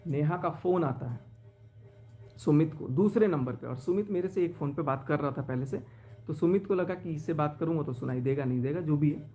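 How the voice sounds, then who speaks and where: Man, live-stream vlogger, aggrieved, pleading, mellow rough voice, talking from his car. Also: a little high, a little fast, faint music behind. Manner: aggrieved, pleading, recounting a betrayal. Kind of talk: emotional live-stream monologue.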